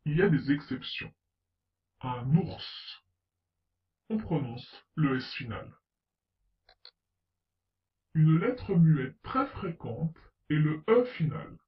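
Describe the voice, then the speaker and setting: A man giving a scripted pronunciation lesson, slowly spelling out letters and example words. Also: on the high side. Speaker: French pronunciation teacher. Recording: roomy, distant, slightly dull sound.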